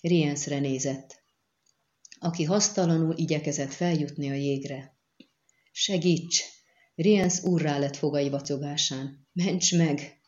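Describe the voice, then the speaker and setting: A woman with a low, deep voice narrates a novel in steady, dramatic storytelling. The recording sounds roomy and a little dull, like a room-recorded audiobook. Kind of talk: scripted narration.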